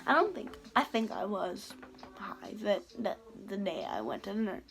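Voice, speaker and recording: A woman's voice: mid-range voice, huge pitch swings, moderate pace, gravelly, music in the background, poor audio. A teenage girl telling a storytime vlog in rambling casual chat, with heavy "like" fillers and frequent swearing. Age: teens. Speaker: vlogger.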